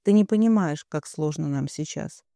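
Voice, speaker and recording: Uneasy, coaxing mother, read by a man; gentle, high voice. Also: normal speed, gravelly, smooth, no room sound, studio quality. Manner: soft and coaxing. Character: uncertain, placating middle-aged mother.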